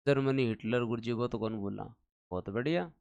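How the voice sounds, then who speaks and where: Smooth-voiced male teacher quizzing viewers. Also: medium pitch, brisk, darkish tone, highs cut off. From India. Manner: quizzes viewers, repeating questions and chanting numbers. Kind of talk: live online exam-prep lecture.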